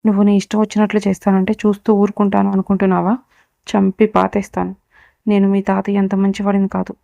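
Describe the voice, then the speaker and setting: A woman's voice: medium pitch, gravelly, warm tone, no room sound, lightly acted. A woman playing a cold, vengeful businessman. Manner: coolly menacing, lays out accusations. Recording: dull, dry recording.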